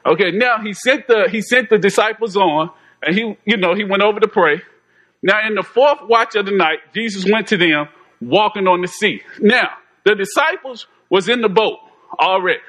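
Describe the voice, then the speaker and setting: A man's voice: high-pitched, moderate pace, a bit bright, rough recording. A man preaching an informal sermon in a folksy, conversational way, often repeating phrases and chuckling.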